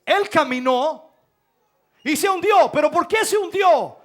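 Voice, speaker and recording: A man from Chile, preaching a sermon in church with dramatic bursts of shouting. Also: extremely high pitch, lively intonation, a little slow. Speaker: pastor.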